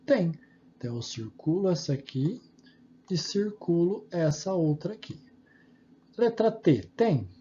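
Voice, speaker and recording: A Brazilian preschool teacher, a man, walks small children through their homework step by step. His voice is mellow and rises and falls in a lively, sing-song way. The recording is dull and lo-fi, with a faint hum underneath. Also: sits high. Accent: Brazilian Portuguese. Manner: patient, slow and sing-song, spelling out steps for small kids. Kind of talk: explaining homework to young children.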